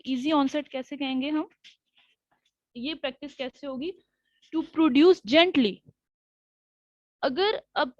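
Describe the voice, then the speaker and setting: A woman speech pathologist explains treatment techniques in a webinar, her voice set high. She pauses on fillers and keeps checking that listeners follow. The audio is dry and slightly muffled. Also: dry recording. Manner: code-switches English terms into speech. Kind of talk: webinar lecture.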